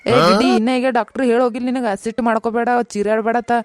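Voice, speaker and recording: A woman with a North Karnataka Kannada accent voicing a scolding, sharp-tongued older village mother-in-law in a comic cartoon. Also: fairly high pitch, steady tone, no room sound, natural voice. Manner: scolding, rapid-fire.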